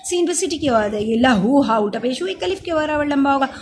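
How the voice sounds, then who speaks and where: A woman with a high voice gives a patient recitation lesson. She stretches each verse word out in a slow, loud chant, then drops into a plain explaining tone. A faint hiss runs under the recording. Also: expressive. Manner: self-correcting, says sorry. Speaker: Quran recitation teacher. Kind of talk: step-by-step tajweed lesson.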